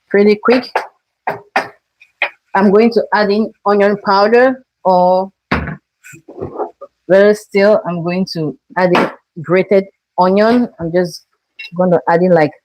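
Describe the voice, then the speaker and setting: This cooking show host, a woman from Cameroon, streams live from her kitchen, welcoming her audience and explaining every step as she goes. She speaks in a mid-range voice with a darkish tone. There's some hiss or hum on the low-quality recording.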